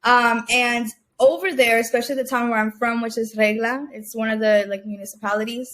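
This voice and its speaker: A woman's voice: a little high, steady tone, brisk, a bit bright. Chatty young woman from Cuba. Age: young adult. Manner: chatty, many fillers and restarts, laughs often. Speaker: guest entrepreneur. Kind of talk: casual interview chat.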